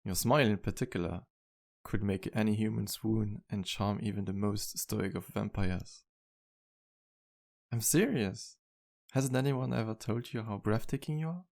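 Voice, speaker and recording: A man voices a flirtatious vampire bartender for an ASMR roleplay, addressing the listener intimately in a one-sided dialogue. He's smooth, polite, and playful, teasing with leisurely pauses, and his voice is lowish and a little mellow.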